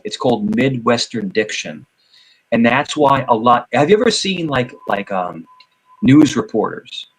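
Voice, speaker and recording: A man chatting casually in a group, animated and repetitive, who often slips into put-on voices. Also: medium pitch, slightly rough, low-quality recording. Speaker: host.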